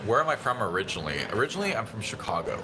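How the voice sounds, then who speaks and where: A man in his thirties, hosting a casual phone livestream, rambling in a relaxed way and answering viewer chat. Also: lowish voice, rapid-fire. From San Diego, USA. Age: 30s. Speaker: livestream host. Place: busy restaurant indoors. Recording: phone audio with busy restaurant chatter. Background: restaurant crowd chatter.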